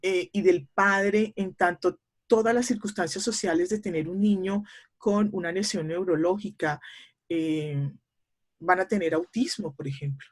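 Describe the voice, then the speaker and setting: A middle-aged woman speaks as an interview guest, laying out clinical points in a measured, teacherly manner. She pauses often with small hesitation fillers as she works through her explanation. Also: on the low side. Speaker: speech therapist guest.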